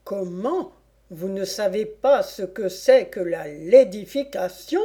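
A woman voicing a bossy male griffin in a storybook reading, loud and scolding. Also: fairly low pitch, lively intonation, slow.

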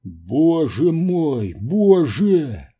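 A man's voice: fairly high pitch, animated, a little slow, highs cut off, pitched above the performer's own voice. A man voicing a cocky male scientist who is enthusiastic and a little smug. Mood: thrilled.

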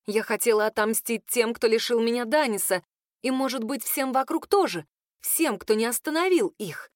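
A woman reading a first-person fantasy audiobook in a steady, expressive voice, close to the mic. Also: on the high side, normal speed, no echo. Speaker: audiobook narrator.

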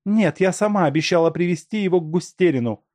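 Male narrator doing a squabbling street woman in a storybook, high-pitched, dry close sound. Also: big pitch swings, normal speed, a little mellow, no room sound. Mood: shrill. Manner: bossy, squabbling. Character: brash young woman vagabond, bossy and shrill.

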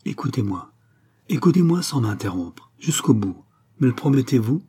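A man's voice: medium pitch, sing-song, moderate pace, mellow, husky. A man voicing a proud, passionate young Spanish noblewoman who speaks urgently and imploringly. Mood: insistent.

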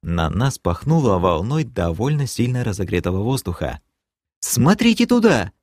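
Lively low-voiced male audiobook narrator. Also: moderate pace, dry recording, studio quality. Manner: lively, dramatic, bursts into shouted dialogue. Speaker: audiobook reader. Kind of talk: scripted first-person fantasy narration.

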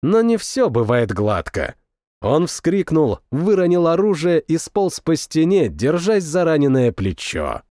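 A man narrating a first-person war story as an audiobook, reading with expressive, dramatic delivery. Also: on the high side, no room sound, clean studio sound.

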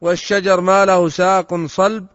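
A man with a high voice reads a classical text aloud in steady, formal recitation. His voice sounds close and dry, yet the dull recording carries a long reverb tail. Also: moderate pace. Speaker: student reading the text aloud.

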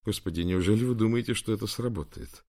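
A man's voice: fairly low pitch, quick pace, warm tone. A man reading the part of a young woman, a museum director, in an audiobook, sounding guarded and hesitant.

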